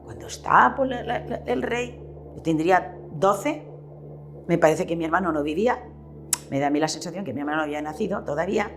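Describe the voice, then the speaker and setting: An older woman in her seventies tells her memories in Spanish with a Valencian lilt. Her voice sits a little low, and she talks in a lively way, switching into the voices of the people she remembers. Soft music plays faintly behind her. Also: brisk. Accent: Valencian-tinged Spanish. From Petrer, eastern Spain. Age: 70s. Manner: animated storyteller who acts out remembered dialogue. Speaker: retired shopkeeper. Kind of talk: reminiscing interview.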